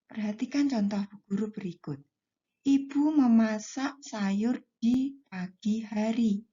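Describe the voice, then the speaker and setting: A woman teaching a primary school class, explaining slowly and deliberately to her pupils. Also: on the high side, mellow, slightly rough, highs cut off. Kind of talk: classroom lesson for children.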